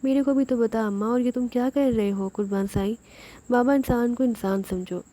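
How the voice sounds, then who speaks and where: A woman's voice: a little high, dark tone, lightly acted. A woman voicing a poor male servant who asks anxiously what is happening. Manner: anxious, pleading.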